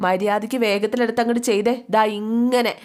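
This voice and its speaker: A woman's voice: fairly high pitch, steady tone, quick pace, a little mellow, smooth, close to an everyday voice. A woman voicing a bossy mother-in-law teaching a young woman to cook. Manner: bossy, instructing.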